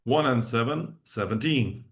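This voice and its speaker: Irish male bingo caller and host, medium pitch, measured delivery of numbers and announcements. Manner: measured, repeats each number in digits then in full.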